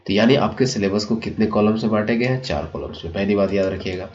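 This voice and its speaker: A man's voice: fairly low pitch, fast talker. A male teacher walking students through a school syllabus, repeating checks like "okay" as he explains. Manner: repeats "ठीक है" and addresses children warmly, explanatory. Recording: dull lo-fi sound.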